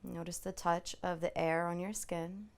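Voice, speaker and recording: She's a meditation instructor walking listeners through a body scan, unhurried, soothing, and gently reassuring, with long pauses throughout. Her pitch is fairly low and her delivery stays flat.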